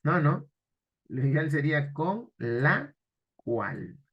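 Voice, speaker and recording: A man's voice: fairly high pitch, sing-song, slow, dull audio. A man teaching an exam-prep grammar lesson, asking the viewer questions and then answering them himself.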